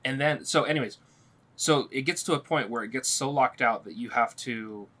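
A man's voice: mid-range voice, normal speed, pushed and bright. Rambling man telling a story. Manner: rambling storyteller, restarts often. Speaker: podcast co-host. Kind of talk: casual chat.

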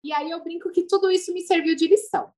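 An extremely high-pitched, fast-talking woman with a Brazilian Portuguese accent appears as an interview guest. A speech therapist, she tells her personal story casually and with energy, laughing from time to time.

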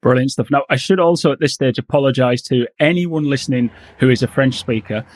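Yorkshire guy hosting a podcast, mid pitched voice, informal and self-deprecating. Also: a little fast. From Yorkshire, England. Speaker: podcast host. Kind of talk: casual chat.

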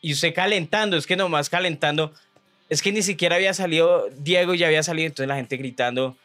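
A man's voice: a little high, fast, bright, forceful tone, dry recording, faint music behind. A man hosting a video podcast, chatting casually and telling stories with jokes. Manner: storytelling, joking, breaks into imitations. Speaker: podcast host. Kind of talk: casual chat.

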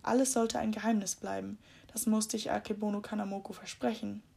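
A calm, secretive middle-aged man from a storybook, as a woman reader plays him, speaking in a quiet, solemn way. The voice has a gravelly fry. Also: mid-range voice, a little fast.

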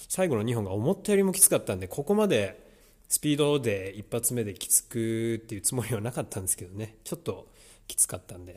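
A man's voice: medium pitch, dry recording, clean studio sound. A man talking casually to a vlog about his training, thinking aloud in a reflective, conversational way. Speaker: vlogger.

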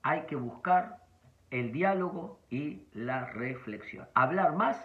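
A man with an Argentine accent giving a calm, explanatory advice talk. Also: on the high side, takes it slowly. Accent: Argentine Spanish. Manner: calm, explanatory, varied emphasis. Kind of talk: talking-head advice talk. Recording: dull lo-fi sound.

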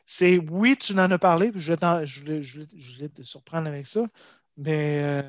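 A man's voice: a little high, fairly even intonation, a little fast, no room sound, studio quality. A man with a Québécois accent chatting casually about sports as a podcast co-host.

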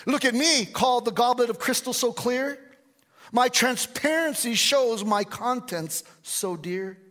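A fragile crystal goblet that offers its service with pride, as a preacher puts it on. The voice is lifted and prim, a bit precious. It is read as a parable poem. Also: male voice, very high voice, unhurried, a bit bright, voice pushed up. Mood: proud. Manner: prim, proud.

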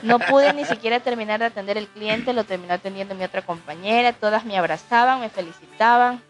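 A young woman telling a personal story in a casual chat, animated and acting out other people's voices. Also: a little high, brisk, faint music behind. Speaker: co-host telling her story.

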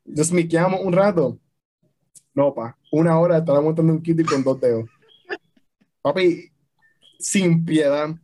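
Young man, higher-pitched voice, animated slangy storytelling. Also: unhurried, pauses often. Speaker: podcast guest, army veteran. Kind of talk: casual chat mixing Spanish and English.

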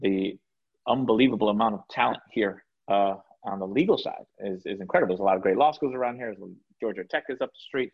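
A man from South Florida talks frankly on a panel about tech hiring, his low voice a little husky. He speaks over a video call, and the audio comes through dull and lo-fi. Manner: frank, conversational, laughs easily. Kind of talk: panel discussion.

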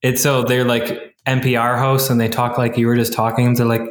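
A man's voice: medium pitch, level tone, fairly quick. A man co-hosting a podcast in casual conversation, in an echoing, tunnel-like empty kitchen and dining room. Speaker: podcast co-host. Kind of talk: casual chat. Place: echoey kitchen and dining area of an unfurnished house. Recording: echoey, tunnel-like room sound.

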